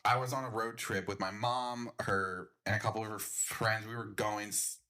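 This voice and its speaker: A man's voice: on the low side, fairly even intonation, normal speed, pushed and bright. A young man co-hosting a podcast, telling stories in a chatty, rambling way and laughing easily. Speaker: podcast co-host. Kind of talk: casual chat.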